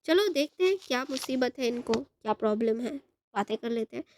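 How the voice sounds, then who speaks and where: A young woman telling a love story in a chatty, halting way. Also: fairly high pitch, expressive, a little mellow, slight background noise. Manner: chatty, halting, retells both sides of the phone call. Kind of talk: storytelling narration.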